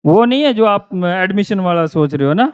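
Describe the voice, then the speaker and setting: High-pitched guy teaching grammar, smooth clear voice, dull lo-fi mic. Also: expressive, normal speed, no echo. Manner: repeats questions and answers them himself. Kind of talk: grammar lesson.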